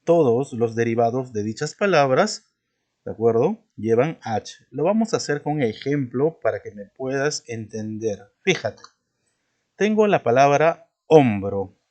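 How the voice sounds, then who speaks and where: A male teacher giving a patient spelling lesson. He talks at a middle pitch, explains step by step and keeps checking in with his listener through repeated tag questions. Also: expressive, a little slow, a little mellow, dull audio.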